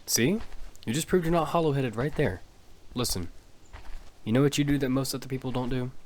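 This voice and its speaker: A man playing Damian's part in an audio drama, a gruff, protective father fighting as a contestant in a battle game. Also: mid-range voice, brisk, a little mellow, natural voice. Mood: firm, resentful. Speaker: narrator and lead actor. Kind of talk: first-person audio drama narration and dialogue. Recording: music behind the voice. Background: prominent music.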